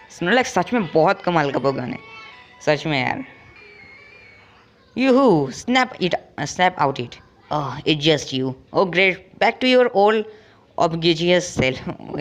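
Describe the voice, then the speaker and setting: A man giving casual commentary while playing a game, joking, taunting opponents, and slowly reading out English game text. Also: a little high, fairly bright tone. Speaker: gameplay streamer.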